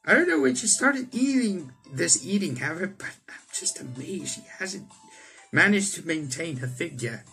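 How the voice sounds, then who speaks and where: A young adult man hosts a let's play of a visual novel from an indoor room, reading the text aloud and throwing in exclamatory, theatrical asides over game music. His high, sing-song voice moves at a moderate pace and is husky and sharp, with vocal fry. The audio quality is poor.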